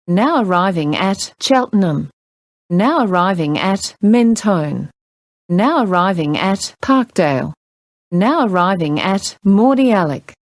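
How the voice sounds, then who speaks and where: A woman reading scripted onboard train announcements in a measured, formal public-address manner. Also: mid-range voice, no room sound.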